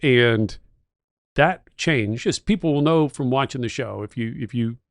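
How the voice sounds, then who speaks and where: A middle-aged man co-hosting a podcast, with a gravelly, fry-edged voice. He speaks at an ordinary pitch and tells stories with keen enthusiasm, and the sound is dry and close with no room echo. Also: measured pace. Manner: enthusiastic storyteller, techno-utopian. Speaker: podcast co-host. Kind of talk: casual chat.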